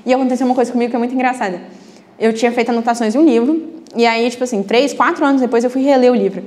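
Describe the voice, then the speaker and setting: A woman's voice: on the high side, steady tone, very fast, darkish tone. A woman teaching a live book club class in a chatty way, often adding tag questions. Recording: reverberant classroom.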